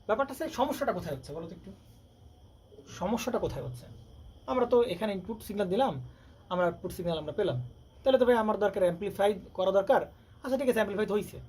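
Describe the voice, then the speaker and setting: Rapid-fire quizzing tutor. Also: male voice, sits high, lively intonation, darkish tone, breathy edge. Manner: rapid, keeps quizzing students with rhetorical questions. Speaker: electronics tutor. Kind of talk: classroom lecture with questions. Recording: faint background noise.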